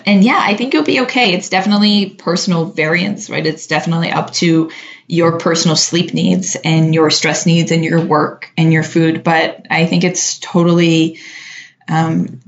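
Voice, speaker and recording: Woman, lower voice, relaxed chatty advice, lots of fillers, muffled lo-fi recording. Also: vocal fry. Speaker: podcast co-host answering listener questions. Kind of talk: casual advice chat. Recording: dull lo-fi sound.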